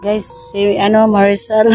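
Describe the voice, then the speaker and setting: A woman, a paranormal investigator vlogger, softly coaxing and pleading with spirits outdoors at night. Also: medium pitch, monotone, measured pace, soft background music. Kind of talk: casual ghost-hunting vlog. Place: outdoors at a bus depot at night.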